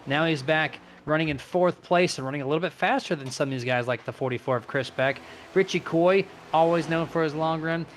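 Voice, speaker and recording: A man giving live color commentary on a simulated stock car race, analytical and steady as he breaks down positions and tire wear. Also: mid-range voice, a little hiss or hum.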